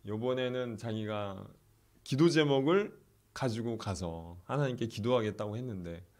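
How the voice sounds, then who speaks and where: Soft-spoken low-voiced man preaching. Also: normal speed. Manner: soft-spoken, acts out quoted prayers, laughs often. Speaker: pastor. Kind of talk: sermon storytelling.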